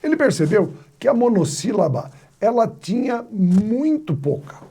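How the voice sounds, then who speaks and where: Gravelly-voiced male grammar teacher. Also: high-pitched, big pitch swings, a little slow, dark tone. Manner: explanatory, asks rhetorical questions. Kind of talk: video lesson. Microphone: wired mic.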